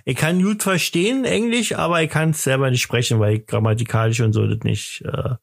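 A man in his fifties from eastern Germany hosts a podcast, speaking at a medium pitch, briskly and with a creaky edge. He chats casually and rambles, joking around and poking fun at himself.

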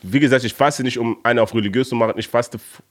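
Male co-host, teasing and persistent interviewer, average pitch, relaxed chat. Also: quick pace. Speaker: co-host, author. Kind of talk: casual chat.

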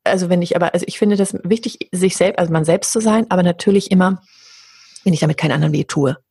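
A woman working as a communication coach, speaking in an interview in a lively, frank way and often acting out what other people say. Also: fairly low pitch, fast talker, breathy edge, dry recording, studio quality. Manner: animated, acts out other people's remarks; frank, casual wording. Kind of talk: interview conversation.

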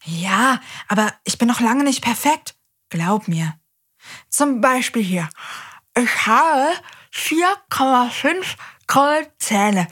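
A woman's voice: a little high, lively intonation, takes it slowly, a bit bright. A woman hosting a children's show who talks to the kids directly in a cheerful, reassuring way.

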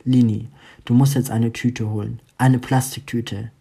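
A man voicing a calm new schoolgirl who gives steady, reassuring instructions. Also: medium pitch, unhurried, gravelly, husky.

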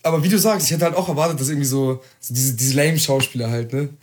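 A man's voice: fairly high pitch, fast, a little mellow. A young man in casual chat, reacting in slang and short remarks.

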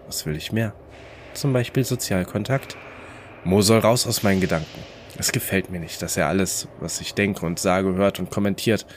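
Male narrator, very low voice, calm first-person storytelling, faint hiss.

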